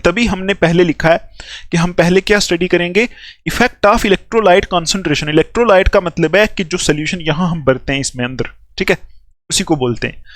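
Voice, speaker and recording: A man's voice: high voice, fairly bright tone, dry recording. A male chemistry teacher giving a lecture. He dictates notes phrase by phrase and keeps checking in with his students. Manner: repeats phrases slowly for students to copy, frequent "theek hai" check-ins.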